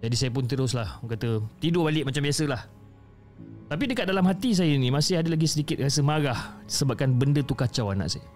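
A man's voice: a little high, animated, fast talker, darkish tone, soft background music. A man with a Malaysian accent reading a listener's horror story in a chatty, conversational way, often addressing the listener by name.

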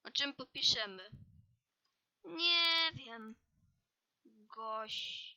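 A woman's voice: high voice, animated, extremely slow, pushed and bright, poor audio. A young woman chatting casually as she plays a chatbot game, reading typed lines aloud in an exasperated, playful way, with keyboard clicks nearby. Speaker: gaming youtuber.

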